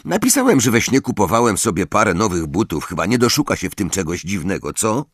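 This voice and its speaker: A man's voice: fairly low pitch, very animated, fast, husky. A man voicing an easygoing teenage schoolboy in an offhand, chatty way in an audiobook reading.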